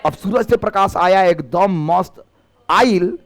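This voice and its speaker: A male teacher, giving a lively classroom physics lecture and firing questions at his students. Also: high-pitched, measured pace. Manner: lively, questioning students, mixing in Bhojpuri phrases.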